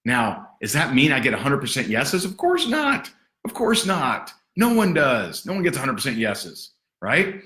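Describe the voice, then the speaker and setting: A man giving a livestream sales training, punchy, energetic and sarcastic. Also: medium pitch, moderate pace, hardly any pauses, roomy sound.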